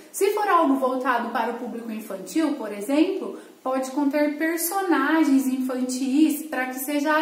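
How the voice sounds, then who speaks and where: A woman teacher giving a recorded online lesson to children, explaining patiently and clearly with frequent check-ins. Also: high-pitched. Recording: echoey room.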